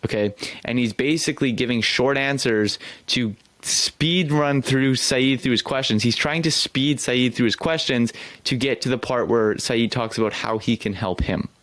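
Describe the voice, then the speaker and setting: Over a video of a recorded sales call, a man acts as a coach, critiquing it bluntly and praising it with animated enthusiasm. He speaks at medium pitch and normal speed with few pauses, in a dry recording.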